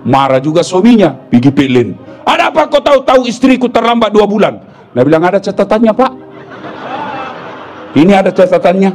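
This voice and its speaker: A man preaching a humorous sermon. He acts out the jokes in different voices and turns to shouted scolding of the women in the audience. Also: high-pitched, very animated, brisk, long pauses. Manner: playful, switches to shouted scolding of the women listeners. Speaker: Islamic preacher.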